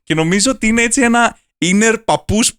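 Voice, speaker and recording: A young man co-hosting a podcast, chatting casually in an animated way and laughing often. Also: high-pitched, smooth, no room sound, clean studio sound. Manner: animated, laughs often, drops into comic voices. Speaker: podcast co-host. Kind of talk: casual chat.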